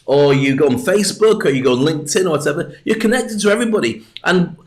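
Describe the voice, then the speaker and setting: This British livestream host talks fast, his fairly high voice full of lively intonation. He delivers a rambling, jokey, chatty monologue into the webcam microphone on his desk.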